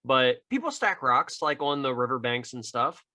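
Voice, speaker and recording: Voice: mid-range voice, very animated, normal speed, bright, forceful tone. A podcast co-host reacting in loose, casual banter and swearing freely. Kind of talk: casual chat.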